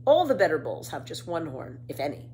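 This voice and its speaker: A woman's voice: deep voice, very animated, fairly quick, warm tone, a little hiss or hum. A woman voicing a bold, playful young girl from a children's storybook, with a breezy, cheeky, exclamatory delivery.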